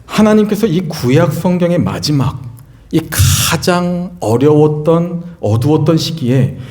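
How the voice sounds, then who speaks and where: A man in his forties, a pastor, telling a personal family story in a sermon to his church, asking the congregation questions as he goes. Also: unhurried. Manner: earnest storytelling, rising pitch when excited, asks the congregation questions. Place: church sanctuary.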